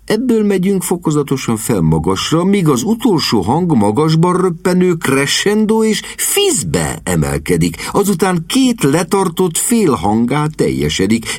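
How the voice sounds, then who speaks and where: A man's voice: a little high, wildly swooping pitch, few pauses, darkish tone, no room sound, pitched above the performer's own voice, full character voice. A man doing a breezy, confident young man. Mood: instructive. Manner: breezy, instructive.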